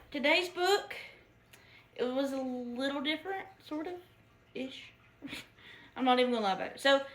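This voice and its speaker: A woman's voice: high-pitched, a bit bright. A woman giving a casual book review, chatty and giggly, with lots of fillers and restarts. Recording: echoey room.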